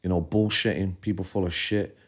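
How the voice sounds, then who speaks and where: Deep-voiced bloke on a podcast, laid back, tells stories and slips into quoting people. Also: male voice, fairly even intonation, a little fast, a bit bright. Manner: laid-back storyteller, drops into quoted voices. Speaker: podcast co-host. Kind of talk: casual chat.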